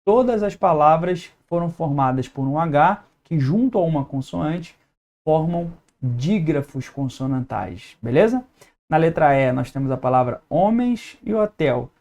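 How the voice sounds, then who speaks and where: A man's voice: on the high side, expressive, a little slow, darkish tone. Brazilian man teaching at a whiteboard. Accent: Brazilian Portuguese. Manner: explains step by step, checks in with "tá?" and "beleza?". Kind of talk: exam-prep lesson.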